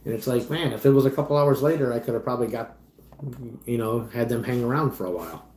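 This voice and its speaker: Talking fast at a medium pitch, this livestream host and delivery driver chats through viewer comments from a roomy, echoing space with slight background noise. He wanders from point to point and lets sentences fade out softly.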